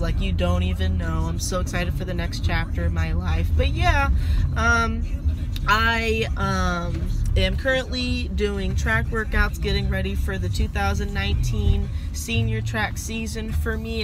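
A teenage girl vlogging while she drives, casual and enthusiastic, with lots of emphatic repeats, recorded on a dashboard camera inside the car. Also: medium pitch. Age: teens. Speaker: YouTuber. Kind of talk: casual vlog talk while driving. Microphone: camera mounted on the dashboard. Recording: car noise in the background. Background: car and road noise.

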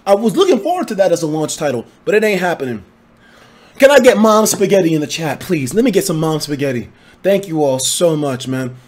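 Hoarse, shouting young male streamer. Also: high-pitched. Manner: loud, excitable, swearing, shouting. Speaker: livestream host. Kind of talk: hyped livestream reaction.

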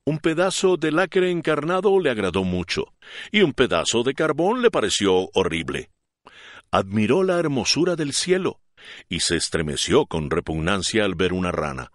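A man reading a classic novel aloud as an audiobook narrator, in an expressive, dramatic way. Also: mid-range voice, no echo, studio quality.

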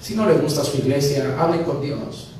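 High-voiced pastor in echoey church. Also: male voice, normal speed. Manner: animated, acting out dialogues with humor. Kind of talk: sermon. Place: church sanctuary. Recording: very echoey church from a distance, faint noise.

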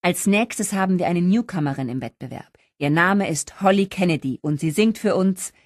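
A woman reading a brash male karaoke host with showy, booming announcements in an audiobook. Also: animated, moderate pace, no room sound, clean studio sound.

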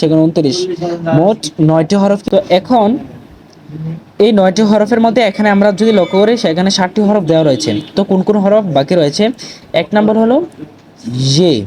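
A man's voice: high-pitched, mellow, rough recording. A man giving a recorded language lesson, patiently going through letters one by one, stressing pronunciation and asking viewers to repeat after him. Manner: patient, deliberate letter-by-letter teaching with frequent "to" fillers. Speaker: Urdu teacher.

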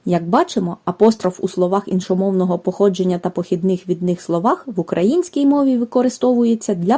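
Woman, language teacher, scripted lesson, careful and measured delivery, warm mellow tone. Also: medium pitch. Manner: careful, measured, spells out letters and examples. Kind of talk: scripted educational narration.

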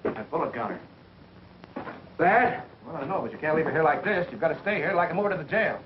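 A man's voice: a little high, lively intonation, quick pace, lightly acted. A man acting a film scene who keeps forgetting his lines, swearing and laughing at himself. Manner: flustered, swearing and laughing at his own flubs. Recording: muffled hissy 1940s film soundtrack.

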